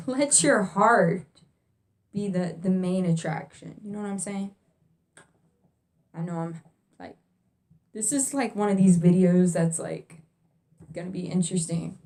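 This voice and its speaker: A woman's voice: mid-range voice, darkish tone. A young woman vlogging faith advice to single viewers, casual and direct, repeating her key points.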